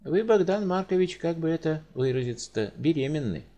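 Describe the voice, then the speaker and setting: A man voicing a pompous, fussy middle-aged male doctor with a high, hedging way of talking. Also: animated, a little fast, dark tone, lightly acted.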